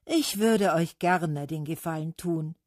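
A gruff male spirit of autumn, put on by a woman reading a storybook, grumbles his lines at an unhurried crawl. His voice sits low and rises and falls with feeling. It sounds close and dry, with no room around it. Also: a little mellow, dry recording. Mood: grumbling. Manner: slow, grumbling.

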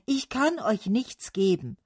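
A woman voicing a gruff, weary male autumn spirit who grumbles his words slowly in a storybook reading. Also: fairly high pitch, very animated, darkish tone, no room sound, studio quality, voice pushed up, heavily acted. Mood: grumbling. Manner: slow, grumbling.

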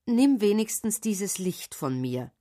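A woman doing a gentle young shepherd boy, earnest and soft-hearted, raised higher, storybook voice. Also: very animated, takes it slowly.

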